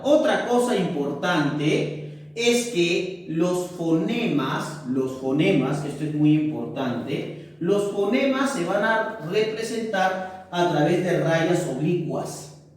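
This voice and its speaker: A male teacher giving a recorded lesson, unhurried and checking in with the class often. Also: high-pitched, sing-song. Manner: unhurried, keeps checking in with correcto and ya. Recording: echoey room, mic at a distance.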